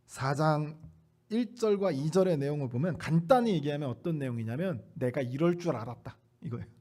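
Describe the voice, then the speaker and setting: A man's voice: fairly high pitch, mellow. A male pastor preaching a Sunday afternoon sermon in a church, talking conversationally, asking the congregation rhetorical questions and acting out quoted lines with playful humor. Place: church sanctuary.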